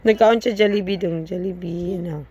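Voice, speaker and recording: Recording a casual vlog at home, this Cebuano-accented mother gently coaxes her small child and mixes simple English words into her speech. She speaks at a normal speed in a fairly low, husky, slightly mellow voice.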